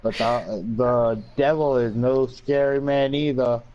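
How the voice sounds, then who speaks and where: A man's voice: mid-range voice, fairly even intonation, unhurried, dull audio. A man commentating on video game wrestling matches in a brash, boastful, joking manner. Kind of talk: play-by-play commentary in character.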